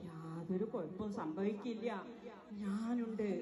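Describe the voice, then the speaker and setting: A woman's voice: mid-range voice, measured pace, lightly acted. A woman playing a kind homeless madwoman who soothes and reassures others. She is heard in an echoey room with a faint crowd. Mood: soothing.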